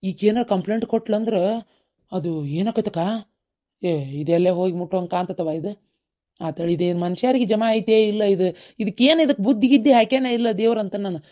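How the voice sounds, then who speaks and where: A woman's voice: medium pitch, a little fast, mellow, natural voice. A woman voicing a complaining, henpecked middle-aged village husband in a cartoon, with a North Karnataka Kannada accent. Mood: grumbling. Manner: complaining, whiny grumbling. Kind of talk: cartoon comedy voice acting.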